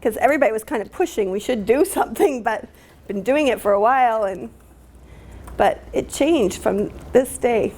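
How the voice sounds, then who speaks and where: A woman speaking at a public talk, halting and emotional, with many fillers, recorded with faint room ambience. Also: fairly high pitch, expressive, darkish tone, a little hiss or hum. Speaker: community activist speaker.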